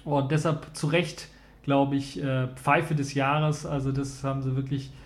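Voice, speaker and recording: A man's voice: medium pitch, flat delivery, a little slow. A man hosting a casual tech news podcast, chatting loosely with lots of filler sounds and talking straight to his listeners. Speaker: podcast host.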